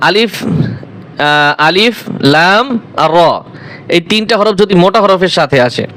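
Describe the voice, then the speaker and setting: A male Quran teacher giving a lesson on letter pronunciation. He speaks patiently, drawing letters out slowly and asking questions before he answers them. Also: high voice, pushed and bright, slight background noise. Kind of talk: recitation lesson.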